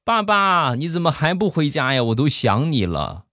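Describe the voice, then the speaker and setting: A little kid whining sweetly for fruit and snacks, as a man puts the child on. The voice is raised high and childlike, with a pleading, sing-song lilt. The sound is close and dry. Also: sing-song, moderate pace, bright, forceful tone, no echo. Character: small child begging for snacks, whiny.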